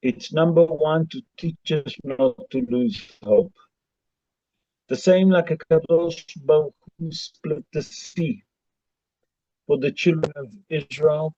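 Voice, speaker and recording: Rabbi breaking up on a group video call. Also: male voice, fairly high pitch, vocal fry, warm tone, no echo. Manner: halting, repeats himself while the line breaks up. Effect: voice over a choppy group video call. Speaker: rabbi teaching a class. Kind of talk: informal teaching over a video call. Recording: muffled lo-fi internet call audio.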